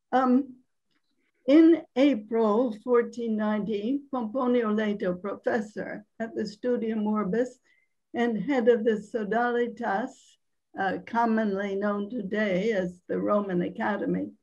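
A woman with a hoarse voice from laryngitis, giving a careful, measured scholarly presentation over a video call. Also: mid-range voice, darkish tone, dull audio. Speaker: academic conference speaker.

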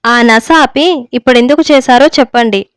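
Impatient grown son brushing off his dad, a woman reads him high and clear, dry sound. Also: normal speed, no echo, close to an everyday voice. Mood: dismissive. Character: grown son abroad, curt and dismissive.

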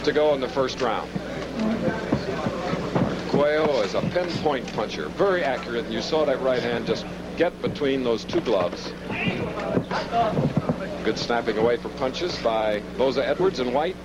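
Guy doing live boxing play-by-play, normal pitch, really noisy broadcast sound. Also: expressive, measured pace, pauses often. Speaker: boxing commentator. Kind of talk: live sports commentary. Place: ringside at a boxing event. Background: loud background noise.

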